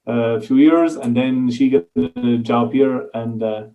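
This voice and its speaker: A man's voice: mid-range voice, slow pace, mellow, muffled recording. A man with an Irish accent chatting casually as a guest, colloquial and sweary. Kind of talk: casual chat.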